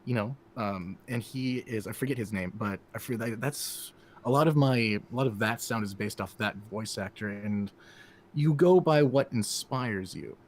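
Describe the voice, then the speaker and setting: A man's voice: lowish voice, normal speed, a little hiss or hum. A man, a voice actor, talking animatedly on a podcast and slipping in and out of character voices. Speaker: voice actor guest. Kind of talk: casual podcast chat.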